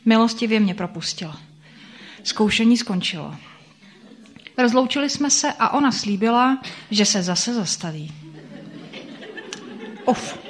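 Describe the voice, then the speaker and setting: A woman reading a first-person story aloud in a soft, reflective way. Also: a little high, expressive, pauses often.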